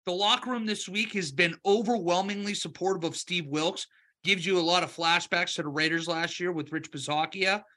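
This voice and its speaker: A man co-hosting a casual sports podcast, talking through playoff scenarios and betting picks in a quick, wry way. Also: sits high, bright, forceful tone. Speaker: podcast co-host, picks analyst.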